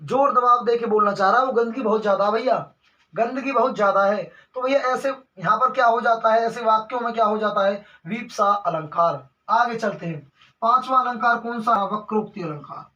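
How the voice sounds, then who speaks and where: A man's voice: high voice, normal speed, pushed and bright. A young man teaching a Hindi grammar lesson for exams, asking the class questions, answering them himself and calling the listeners brother. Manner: calls the listeners brother again and again. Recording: dull lo-fi recording.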